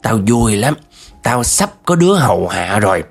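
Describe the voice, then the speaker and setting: A man's voice: lowish voice, very animated, moderate pace, creaky, breathy edge, faint music behind, heavily acted. A man doing a slurring, gloating drunken spirit. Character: slurring drunken male spirit possessing a woman.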